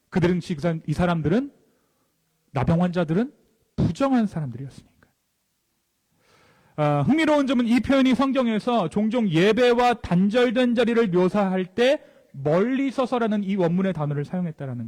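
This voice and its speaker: A man preaching from the pulpit, his voice pitched high and moving animatedly up and down. He keeps asking the congregation questions and answering them himself, with phrase endings that sink quietly. The sermon carries a long reverb through the church hall. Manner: rhetorical questions answered himself, dropping to soft low endings. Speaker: pastor. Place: church sanctuary. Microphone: handheld or stand mic.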